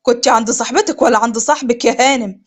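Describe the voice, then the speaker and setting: امرأة تؤدي دور أخ كبير صارم وغاضب، بلهجة مصرية ونبرة قاسية. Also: female voice, a little high, very fast, natural voice. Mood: furious. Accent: Egyptian. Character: angry strict older brother.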